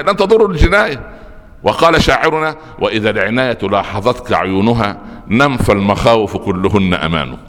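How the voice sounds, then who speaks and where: Egyptian male preacher, quick storytelling delivery, asks the crowd questions, long reverb of a mosque hall. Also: mid-range voice. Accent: Egyptian Arabic. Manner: lively storytelling with rhetorical questions; often stumbles and repeats words. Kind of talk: Friday sermon talk.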